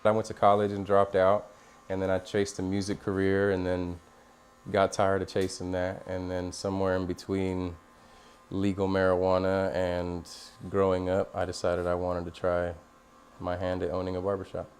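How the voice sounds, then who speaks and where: An American barbershop owner in his thirties, from San Diego, California, talks casually and laid-back in a documentary interview. His low voice is completely flat and moves at normal speed. Recorded on a lapel mic inside a busy barbershop, the audio carries the shop's background bustle.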